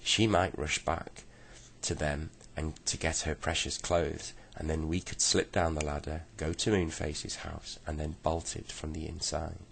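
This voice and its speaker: A man's voice: a bass voice, little pitch movement, a little slow, creaky, fairly bright tone, a little hiss or hum, exaggerated voice. A man doing a scheming young boy.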